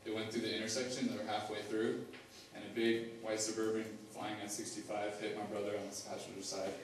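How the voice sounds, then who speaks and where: A young man shares his personal testimony in a low, flat voice, stopping and restarting often with lots of fillers. He is heard from some distance in a very echoey hall, with a faint hum of ambience behind him. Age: young adult. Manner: halting, many fillers and restarts. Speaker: student giving a testimony.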